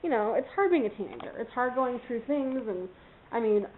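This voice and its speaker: A woman's voice: on the high side, lively intonation, a little fast, a little hiss or hum. Woman vlogger from California, rambling casual chat, thin phone-like recording. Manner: rambling, many fillers, talks to her puppy. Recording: tinny phone-like sound.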